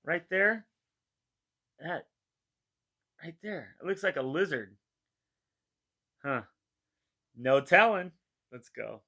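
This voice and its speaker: A man's voice: a little high, animated, slow, long pauses, bright, forceful tone. A middle-aged man giving casual, rambling reaction commentary in a laid-back, slangy way. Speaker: reaction video host.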